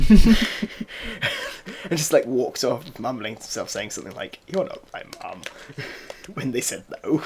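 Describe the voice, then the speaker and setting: A man's voice: mid-range voice, lively intonation, measured pace, long pauses, noisy background. A young English man co-hosting a podcast, rambling through stories in casual chat with many fillers and laughs. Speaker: podcast co-host.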